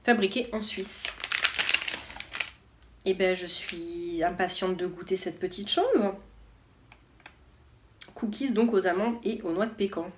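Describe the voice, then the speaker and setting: Woman vlogger, casual unboxing chat, bubbly, lots of fillers, steady background hiss with clicks. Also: mid-range voice, takes it slowly, pauses often. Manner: chatty and enthusiastic, many fillers.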